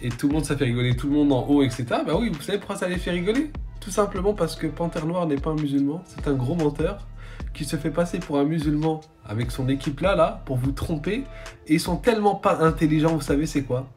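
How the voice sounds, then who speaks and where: A male influencer who builds his case insistently and accusingly, his voice slightly high. Faint music plays underneath. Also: fast, a little mellow. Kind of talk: exposé monologue.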